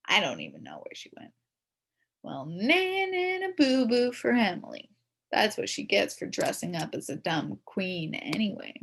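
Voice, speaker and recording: A woman storybook reader voices a children's story in the first person as a kid, expressive and dramatic, drawing out words. Her medium-pitched voice is creaky and swings hugely in pitch.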